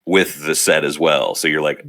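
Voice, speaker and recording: A man's voice: extremely low pitch, fairly even intonation, normal speed, a bit bright. A man co-hosting a casual podcast, rambling through his updates with fillers and casual swearing. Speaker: podcast co-host. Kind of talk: casual chat.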